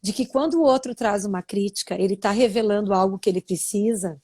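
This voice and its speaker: A woman's voice: mid-range voice, fairly quick, mellow. A woman hosting a live-stream interview who speaks thoughtfully and adds short agreeing remarks. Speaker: host. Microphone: video call.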